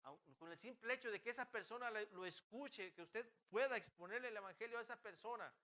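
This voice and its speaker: In church, a pastor preaches a sermon in a high, sharp voice, speaking fast and fervently. He asks the congregation many rhetorical questions and often restarts his phrases.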